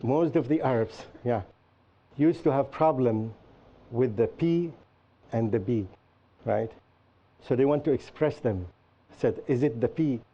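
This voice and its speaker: Man teaching, asking students questions. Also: mid-range voice. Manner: asks students questions, explains patiently with examples. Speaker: Qur'an teacher and show host. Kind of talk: classroom teaching. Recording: dull lo-fi recording.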